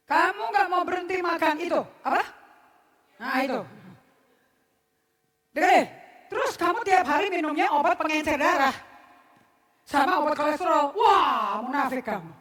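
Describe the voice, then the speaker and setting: A woman's voice: high voice, animated, moderate pace, long pauses, fairly bright tone, distant mic. A woman pastor preaching a sermon to her congregation, blunt and scolding, mixing formal words with slang and jokes. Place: church service. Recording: echoey church hall.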